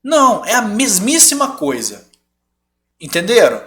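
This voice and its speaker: A man's voice: high voice, wildly swooping pitch, a little slow, a bit bright. Patient Brazilian man teaching a lesson. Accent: Brazilian Portuguese. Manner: explains patiently, checks in often with "tá bom?". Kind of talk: live online lesson.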